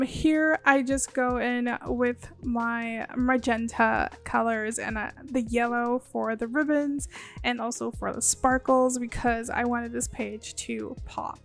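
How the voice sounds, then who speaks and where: A woman with a slightly groggy voice, chatting casually and rambling with giggles as she narrates her journaling. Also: fairly high pitch. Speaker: bullet journal creator. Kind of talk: casual voice-over while drawing. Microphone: phone.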